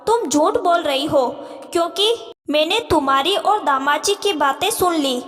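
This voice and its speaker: A woman voicing a caring middle-aged stepmother who gently coaxes her daughter, in a reverberant room. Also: sits high, animated, a little slow. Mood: coaxing.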